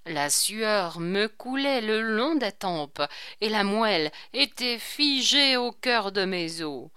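A woman's voice: medium pitch, animated, slow pace, pushed and bright, smooth, no echo, clean studio sound. A woman reading aloud, voicing a frightened, pious male king who speaks anxiously and solemnly. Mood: fearful.

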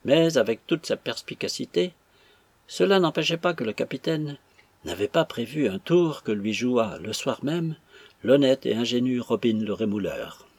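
Gravelly-voiced male storyteller. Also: medium pitch, moderate pace, no room sound. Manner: expressive storytelling. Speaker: narrator. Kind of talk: audiobook narration.

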